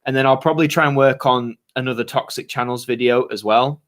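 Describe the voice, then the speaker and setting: Reading viewer questions during a casual livestream, a young YouTube host from Yorkshire, England, talks fairly quickly at a medium pitch with fairly even intonation. His tone is fairly bright yet slightly hoarse, and he's chatty and laid-back, using plenty of fillers and slang.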